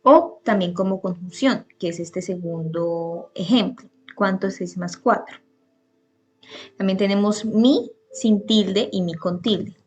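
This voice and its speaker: Woman teacher, mid pitch, patient explainer, grammar lesson. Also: slow pace, a little mellow. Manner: patient, explains with many examples and restarts.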